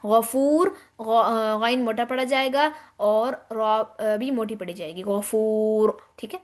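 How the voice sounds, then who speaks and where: A woman leads an online Quran lesson in a high voice. She explains pronunciation rules step by step, demonstrating each sound slowly for her students. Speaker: Quran teacher.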